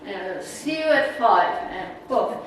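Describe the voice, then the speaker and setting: Her voice is mid-range, expressive and slow as she chats through a casual slide presentation for a naturalist club, rambling, laughing and filling gaps with ums. She's Czech, from the Czech Republic, with a Czech accent. The recording, made in a meeting room, is echoey and noisy, and she sounds far from the mic.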